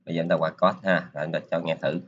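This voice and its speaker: This programming teacher runs a casual screen-recorded coding lesson, narrating each click with plenty of filler particles. He talks very fast in a low-pitched, fairly even voice, and the audio sounds dull.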